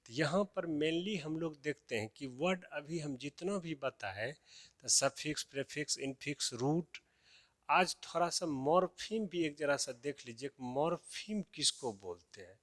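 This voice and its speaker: A man's voice: a little high, expressive, measured pace, fairly bright tone, no room sound. A man teaching a lesson to children, repeating key terms and asking and answering his own questions.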